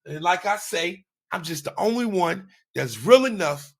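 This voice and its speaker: A man's voice: sits high, animated, normal speed, gravelly. A man hosting his own podcast, giving a blunt, profane opinion monologue with emphatic repeated phrases. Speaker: podcast host.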